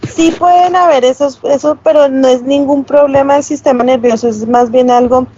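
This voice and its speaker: A high-pitched woman teaches a class, explaining terms patiently and asking her students if they follow. The sound is a little dull and lo-fi, picked up by a computer mic. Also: fairly even intonation, moderate pace, mellow, a little hiss or hum. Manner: explanatory, checks with tag questions. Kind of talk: online class lecture.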